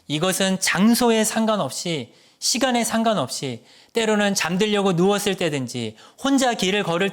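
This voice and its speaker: A male pastor giving a sermon, asking the congregation questions and dropping to a soft hush at the ends of phrases. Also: fairly high pitch. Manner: earnest preaching with rhetorical questions to the congregation.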